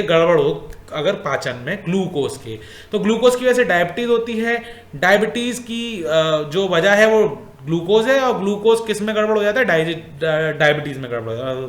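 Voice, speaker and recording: A man's voice: high voice, fairly bright tone, reverberant. A male teacher going through exam questions in a casual way, repeating points and asking the class questions.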